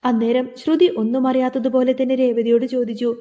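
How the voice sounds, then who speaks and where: A woman with a high, mellow voice retells a television serial episode. She narrates steadily and slips the characters' quoted lines into the flow in her own voice. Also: level tone, a little fast, long reverb tail, muffled recording.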